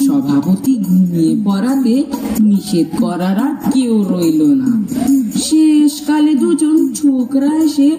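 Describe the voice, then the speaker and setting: A pompous, gushing gentleman orator played by a woman in a stage comedy, heard from a distance with music clearly behind. The delivery is florid and swings widely in pitch. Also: expressive, slow pace, reverberant. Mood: boastful. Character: pompous, gushing Bengali gentleman orator, childless and self-satisfied. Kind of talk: amateur stage comedy acting.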